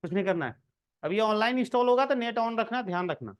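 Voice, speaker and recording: A man's voice: high-pitched, lively intonation, fast talker. A man giving a casual screen-recorded coding lesson, talking the viewer through each step and checking in often. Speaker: programming tutor.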